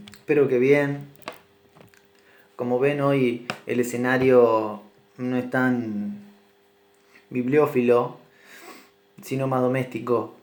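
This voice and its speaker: A middle-aged man gives a recorded literature lesson from a home kitchen. He lectures in a measured, reflective way, pausing on fillers as he builds each point. His voice sits in an ordinary middle pitch. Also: fairly even intonation, a little mellow. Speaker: literature teacher.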